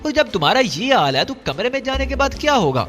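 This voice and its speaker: A man's voice: very high-pitched, very animated, a bit bright, voice pushed up, exaggerated voice. A man voicing a playful, bold young woman who teases and coaxes, in a story reading with faint music behind. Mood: teasing. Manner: playful, coaxing. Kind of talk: audiobook character voice.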